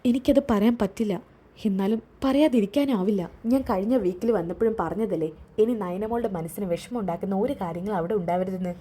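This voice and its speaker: A woman voicing a calm, earnest woman doctor who breaks hard news in a measured way. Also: mid-range voice, husky, natural voice. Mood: grave. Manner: measured, reassuring.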